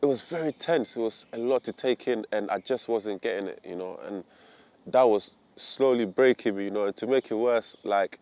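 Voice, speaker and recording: A young man from Ghana tells his own story to the camera in a lowish voice. He talks in an earnest, reflective way and leans on casual fillers like "you know.". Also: normal speed, darkish tone. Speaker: vlogger.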